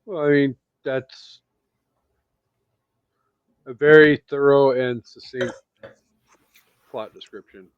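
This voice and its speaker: A man's voice: medium pitch, fairly even intonation, clean tone, no echo, muffled recording. A man co-hosting a casual movie chat with dry, teasing remarks. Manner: dry, teasing, slow-spoken. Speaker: podcast co-host.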